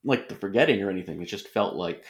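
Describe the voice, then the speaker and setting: A man co-hosting a podcast in casual chat, often halting and rephrasing mid-sentence. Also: low voice, lively intonation. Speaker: podcast co-host.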